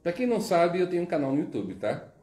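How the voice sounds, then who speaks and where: Brazilian male teacher, casual and digressive, mellow tone, roomy echo with faint music. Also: high-pitched, big pitch swings, quick pace. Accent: Brazilian Portuguese. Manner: chatty, digressive, frequent tag questions. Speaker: spiritual teacher. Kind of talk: informal teaching with storytelling.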